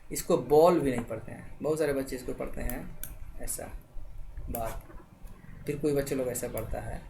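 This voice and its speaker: Woman slowly spelling words for learners. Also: deep voice, warm tone, slight background noise. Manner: slow letter-by-letter spelling, checks in with "thik hai". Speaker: teacher. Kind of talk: spelling lesson.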